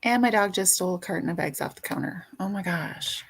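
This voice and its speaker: A woman's voice: fairly low pitch, brisk, vocal fry, breathy edge. An older woman hosting a casual livestream chat, playful and teasing as she greets viewers by name. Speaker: livestream host.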